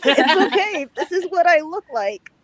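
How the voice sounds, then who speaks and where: A woman with a cold, chatting casually and telling stories in slangy, animated style on a live stream. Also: very high voice, moderate pace, over a noisy crowd. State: under the weather with a cold. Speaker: panel guest on a live stream. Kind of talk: casual chat.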